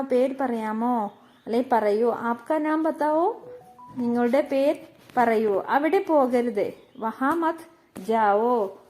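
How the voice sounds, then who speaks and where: Lady teaching hindi phrases, high voice, slow and patient, says each one twice. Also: a little mellow. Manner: repeats each phrase, slows down for the Hindi words. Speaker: language teacher. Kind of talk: spoken Hindi lesson explained in Malayalam.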